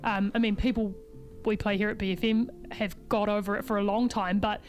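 A woman from New Zealand hosting a radio chat, friendly and quick to laugh as she prompts her guest with questions. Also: mid-range voice, little pitch movement, a little mellow, faint music behind. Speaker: radio host. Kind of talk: casual radio interview.

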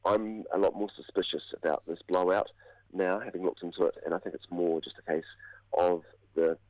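A New man with a low voice, croaky from a cold, explains politics in a radio interview. He is measured and halting, picking through his points. The audio is dry and somewhat dull. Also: steady tone, no echo. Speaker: political commentator, university academic. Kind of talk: spoken analysis in a radio interview.

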